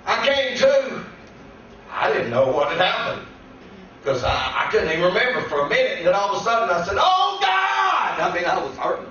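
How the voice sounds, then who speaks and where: A man preaching as a guest pastor. He tells a personal testimony that builds into shouted preaching. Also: high voice, sing-song, brisk, slight background noise. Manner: storytelling that climbs into shouted preaching. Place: church sanctuary. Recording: echoey church room, distant dull mic.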